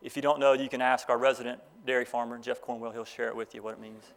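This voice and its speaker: A man's voice: medium pitch, completely flat delivery, creaky. A man giving a graduation address, telling stories in a folksy way and reading from the Bible. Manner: folksy storytelling, speeding up and slowing down. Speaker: graduation speaker.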